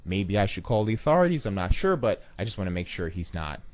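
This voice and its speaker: Lively, animated male storyteller. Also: fairly low pitch, quick pace. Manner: animated, acts out the scenes. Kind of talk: personal storytelling.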